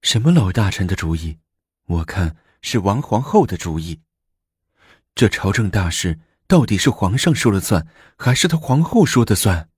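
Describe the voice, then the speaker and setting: A man voicing a defiant, sharp-tongued young imperial consort who protests shrilly. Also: big pitch swings, moderate pace, slightly rough, no room sound, studio quality. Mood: indignant. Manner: shrill, indignant.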